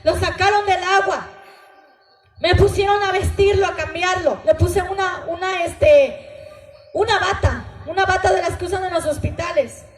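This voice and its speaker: A woman's voice: very high-pitched, steady tone, normal speed, echoey room. A woman with a Mexican Spanish accent telling an emotional, earnest testimony to a church congregation. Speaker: testimony speaker at a church gathering. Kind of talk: spoken testimony.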